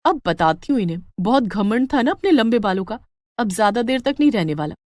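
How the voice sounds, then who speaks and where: Woman putting on a whiny high-pitched cartoon bahu, vain and shrill. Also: sing-song, brisk, darkish tone, dry recording, clean studio sound. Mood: scheming. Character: vain young daughter-in-law.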